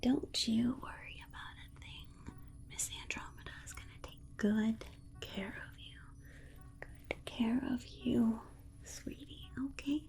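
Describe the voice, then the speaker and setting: In poor-quality audio, a woman with a fairly high-pitched, gravelly, mellow voice whispers her way through an ASMR exam roleplay. She plays a female alien scientist who is soothing but condescending, coddling the listener, offering reassurance, and murmuring asides.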